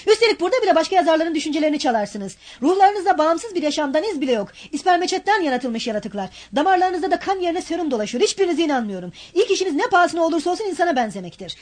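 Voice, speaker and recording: A woman reading an audiobook, voicing a loud, hot-tempered young man who scolds and shouts at his friend. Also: sits high, sing-song, fast talker, hardly any pauses, no echo, pitched above the performer's own voice. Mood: angry. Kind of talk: audiobook character voice.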